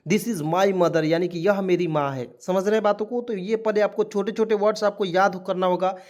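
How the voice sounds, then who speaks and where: Male teacher with a high voice, spells words aloud letter by letter and quizzes viewers, patient lesson delivery. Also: steady tone, moderate pace, a little mellow. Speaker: English teacher. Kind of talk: spoken lesson.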